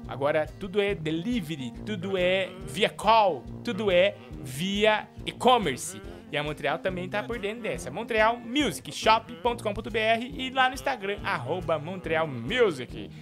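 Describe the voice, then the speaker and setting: A man hosts a live comedy show, firing off jokes and hyped ad reads. His voice is bright and forceful and leaps all over the scale. Faint music plays behind him. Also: high voice, unhurried, few pauses. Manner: jokey, animated hype-man ad reads.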